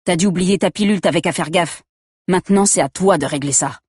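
A woman's voice: on the low side, a little fast, a little mellow, husky, dry recording, studio quality. A woman voicing an angry, controlling young man who talks coldly and accusingly, in a first-person story reading. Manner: cold and accusing, shifting to coaxing.

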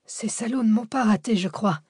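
A woman's voice: on the high side, normal speed, a little mellow, slightly rough, no echo, clean studio sound. A woman reading an audiobook, voicing a wounded, self-pitying older male professor. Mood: aggrieved.

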